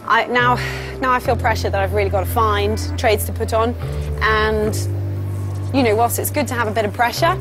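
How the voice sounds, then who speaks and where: A woman speaks frankly and anxiously to camera, circling back over her points as she talks. Her voice is mid-pitched. Music plays clearly underneath her. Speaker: trainee trader. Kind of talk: interview confessional.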